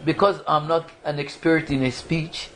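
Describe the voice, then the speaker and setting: A man with a fairly high, slightly bright voice speaks at normal speed with fairly even intonation, over a little hiss or hum. He's giving a conversational religious study lecture to a small group at a community foundation, quizzing them and repeatedly restarting his sentences.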